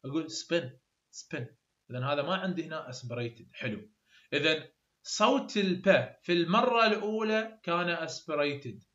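A man's voice: on the high side, animated, moderate pace, a bit bright. A man with an Iraqi Arabic accent giving an explanatory lecture as a university tutor, repeating example sounds over and over. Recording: roomy, dull lo-fi sound.

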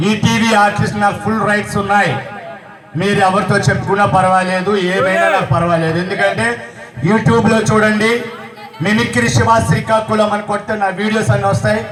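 High-voiced guy hosting a mimicry show outdoors, loud and chatty, echoey and far off with a crowd. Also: little pitch movement, brisk. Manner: loud, chatty, teasing the audience. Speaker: mimicry artist and stage host. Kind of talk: live stage comedy banter. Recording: echoey outdoor stage, distant, crowd noise.

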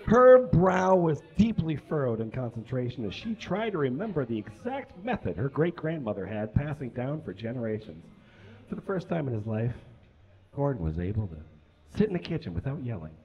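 On a small curtained indoor stage, a young man reads a story aloud as a live comedy act, playing it theatrical and mock-serious and tossing in ad-libbed asides. His mid-range voice swings widely in pitch at a moderate pace. A camera a few metres away captures it in lo-fi sound.

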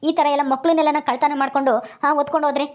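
A woman playing an indignant young father, high voice, fast pleading speech, village family drama. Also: level tone, lo-fi sound, lightly acted. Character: young father, angry at the kidnapper.

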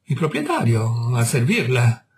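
A man's voice: mid-range voice, wildly swooping pitch, a little slow. A man reading aloud, voicing a bewildered middle-aged café owner who stammers and turns defensive.

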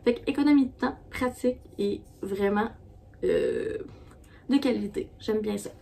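In a loose, chatty vlog, a Québécois beauty vlogger reviews the hair and skin products she loves, rambling with many fillers and constantly restarting sentences. Her middle-range voice is warm, a little slow, and touched with vocal fry, over a faint background hiss.

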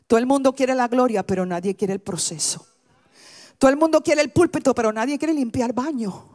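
A middle-aged woman pastor giving a sermon, preaching with passion and building to high-pitched shouts. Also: a little fast.

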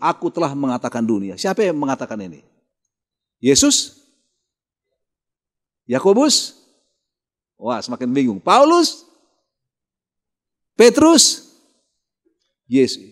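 This Indonesian-accented male pastor preaches a morning devotional with a high, bright-sounding voice that swings widely up and down. He reads a passage aloud, then fires questions at the congregation and answers them himself. His delivery is animated and conversational rather than solemn. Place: church.

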